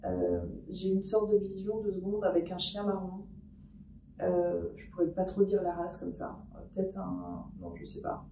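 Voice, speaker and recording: A woman recording a paranormal experiment vlog at home, talking her thoughts aloud in a hesitant way with many pauses and restarts. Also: fairly low pitch, lively intonation, vocal fry, mellow, distant mic, a little hiss or hum. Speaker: paranormal investigator. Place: room in her house. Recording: echoey room, voice off-mic.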